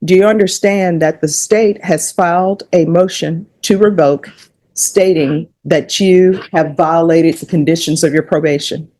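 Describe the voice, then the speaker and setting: Measured woman judge in court. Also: fairly low pitch, fairly even intonation, warm tone. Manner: procedural, measured questioning. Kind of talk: formal courtroom proceedings.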